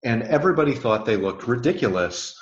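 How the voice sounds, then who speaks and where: A man casually chatting through a movie commentary, relaxed, explaining film trivia. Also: medium pitch, fairly quick, echoey room, dull audio. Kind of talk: casual movie watch-along chat.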